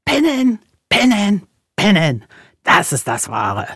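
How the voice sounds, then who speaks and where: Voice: medium pitch, wildly swooping pitch, takes it slowly, a bit bright, husky, no echo, studio quality, voice pushed up, heavily acted. A narrator voicing a sleepy badger who only wants to snooze. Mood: drowsy. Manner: lazy, drowsy.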